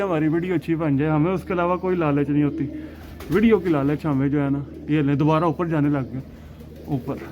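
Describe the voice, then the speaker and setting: Excitable high-voiced man on a rooftop. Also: dull audio, a little hiss or hum. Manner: chatty, excitable, laughs at himself. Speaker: pigeon keeper vlogger. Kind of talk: casual rooftop vlog. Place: outdoor rooftop with pigeons. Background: pigeons cooing.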